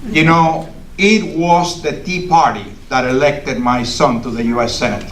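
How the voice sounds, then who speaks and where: An older Cuban man, a native Spanish speaker with a Cuban Spanish accent, gives a political speech as a guest speaker in a congregation's meeting hall. His medium-pitched voice stays fairly even and unhurried, but his style is emphatic and preacherly, building through repetition. Heard from far off, the recording is distant, echoey and roomy, with heavy background noise.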